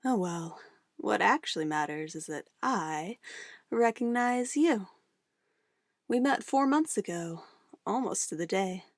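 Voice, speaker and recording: In an ASMR roleplay, a woman plays an obsessive, controlling witch, a sweetly menacing lover who shifts between coaxing endearments and firm commands in a possessive, controlled mood. Her medium-pitched voice is animated yet slow, with frequent pauses, recorded at studio quality with no echo.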